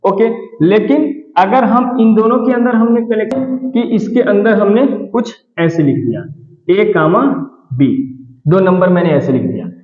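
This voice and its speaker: A man's voice: high-pitched, measured pace, roomy sound, in a large hall, dull audio. A man teaching a math lesson, explaining patiently and often ending his points with "right". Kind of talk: classroom-style lesson explanation.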